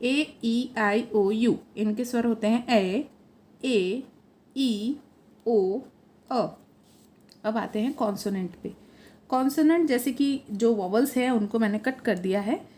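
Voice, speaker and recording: A woman's voice: fairly high pitch, takes it slowly, long pauses, darkish tone. A woman teaching a phonics lesson for children, patiently sounding letters out one by one and correcting her own slips as she goes.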